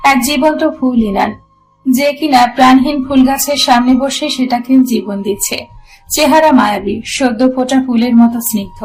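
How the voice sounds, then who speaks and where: A woman narrating a romance audio story in a steady storytelling manner. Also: high-pitched, low-quality recording.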